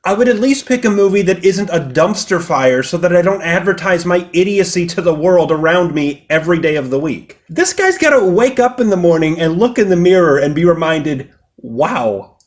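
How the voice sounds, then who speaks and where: A man's voice: sits high, expressive, brisk, few pauses. A man delivering a sarcastic, mocking film critique as a video essayist.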